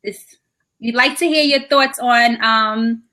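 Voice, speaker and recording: A New York woman with a high, bright voice co-hosts a casual live video chat over a call. She's chatty, talking in quick bursts and restarting often as she keeps things going through connection trouble.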